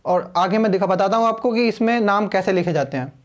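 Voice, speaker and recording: High-voiced man teaching patiently. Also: brisk, slight background noise. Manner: patient, repetitive explaining; spells names out letter by letter. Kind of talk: explanatory video lesson.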